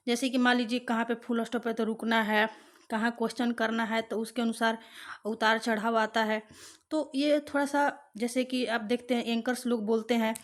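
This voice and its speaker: A young woman teaching an exam-prep lesson, reading out questions, repeating them and explaining the answers. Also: a little high.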